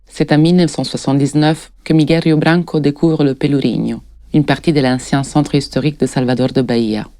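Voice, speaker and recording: Male narrator, slightly high, mellow tone, measured art-documentary read, dry close mic. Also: fairly even intonation, dry recording. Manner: measured, descriptive art commentary.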